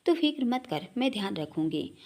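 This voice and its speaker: A woman reading the lines of a polite, gentle middle-aged mother in a storybook reading. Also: mid-range voice, big pitch swings, normal speed. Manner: courteous, gentle.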